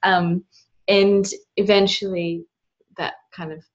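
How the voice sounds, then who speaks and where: A woman's voice: mid-range voice, level tone, slow pace, dull audio. A woman hosting a podcast, talking in a reflective, casual way. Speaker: podcast host.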